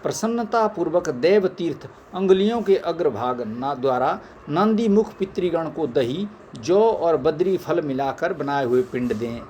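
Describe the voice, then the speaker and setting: In this amateur recording, a man reads scripture aloud formally, one phrase at a time. His voice is slightly high and slightly mellow, with a faint hiss or hum underneath.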